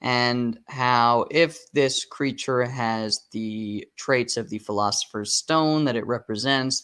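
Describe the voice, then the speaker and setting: A man narrating a video in a casual scripted style, chatty, with joking asides, and a voice that is going a little hoarse. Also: medium pitch, fairly bright tone. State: losing his voice. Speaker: YouTube narrator.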